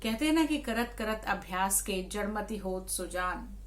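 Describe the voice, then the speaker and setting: A woman with a mid-range, animated voice speaks unhurriedly. A radio jockey and vlogger, she addresses viewers in an explanatory, conversational style, restating points for emphasis.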